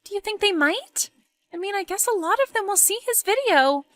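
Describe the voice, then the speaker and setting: A woman voices an excitable, pushy young friend in an animated story, exclaiming and goading while sounding worried. Her voice is very high and pushed up, at a normal speed.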